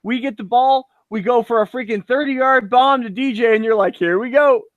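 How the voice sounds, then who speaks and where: A high-pitched man co-hosts a casual sports podcast, recapping a football game at a moderate pace. He's excitable, jokey and swears freely. The recording is close and dry with no room sound, and the audio is narrow and tinny.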